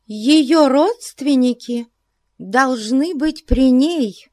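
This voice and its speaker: A scheming middle-aged lady gushes with sugary, false concern in a raised voice, as a woman reads her part. She drags out her words slowly and the sound is dry and close. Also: sits high, animated, dry recording, voice pushed up. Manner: gushing, falsely solicitous.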